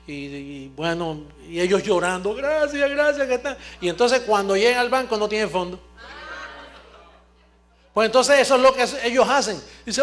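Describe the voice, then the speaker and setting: A man preaching a televised sermon, emphatic, asking his audience questions and answering them himself, swinging from low asides to shouting.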